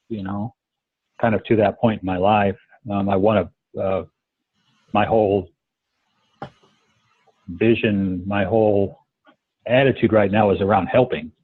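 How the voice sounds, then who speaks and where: A man in his fifties answering coaching questions in a thoughtful, halting way with many pauses and ums. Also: lowish voice, dry recording. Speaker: coaching student. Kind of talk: live coaching demonstration. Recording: tinny phone-like call line.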